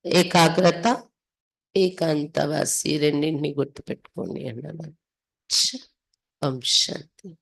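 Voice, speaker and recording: Reading devotional text aloud and explaining it, an Indian spiritual teacher speaks a little slowly in a low, steady, creaky voice, leaving long pauses. Her style is instructive, driven by emphatic repetition and rhetorical questions.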